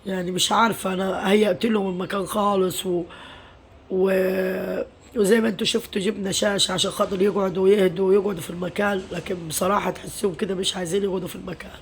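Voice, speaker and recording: A woman's voice: mid-range voice, level tone, fast, a little hiss or hum. A middle-aged Egyptian woman, a mother, confiding her worries in a casual vlog, weary and venting, full of pious phrases. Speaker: mother and home vlogger.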